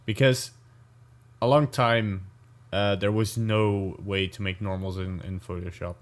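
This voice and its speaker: Man from Belgium, lowish voice, casual podcast chat, relaxed, hesitant fillers. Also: unhurried. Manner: easygoing, laughs often, hesitant with fillers. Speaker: podcast co-host.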